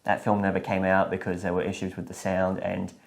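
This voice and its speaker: A man with a very deep voice co-hosts a casual chat. He explains things in a plain, matter-of-fact way. His delivery is easygoing and unhurried. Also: monotone, gravelly. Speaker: filmmaker and co-host.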